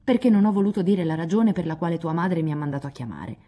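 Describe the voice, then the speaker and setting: A woman's voice: fairly low pitch, lively intonation, quick pace, dark tone. A woman reading aloud, voicing a hot-tempered, proud young man who blusters indignantly.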